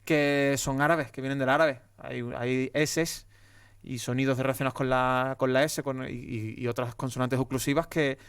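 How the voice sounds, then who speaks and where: Smooth-voiced Andalusian man, emphatic. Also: mid-range voice, fairly even intonation, moderate pace, a bit bright, no echo, clean studio sound. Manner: emphatic and heated, many restarts. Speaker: guest comedian. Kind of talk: casual podcast conversation.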